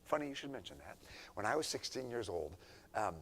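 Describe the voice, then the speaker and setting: Man preaching, hushed to emphatic. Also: lowish voice, big pitch swings, fairly quick, husky. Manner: conversational, swings from hushed to emphatic. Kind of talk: sermon to teenagers. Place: church.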